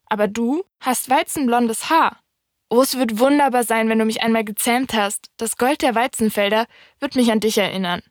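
A woman reading a calm, wise fox. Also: a little high, moderate pace, no room sound, lightly acted. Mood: wistful. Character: fox, a wise, wistful wild fox. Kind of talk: audiobook reading.

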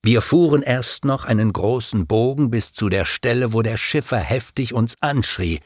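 A man narrating an epic poem in a declamatory, expressive reading. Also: medium pitch, normal speed, dry recording, clean studio sound.

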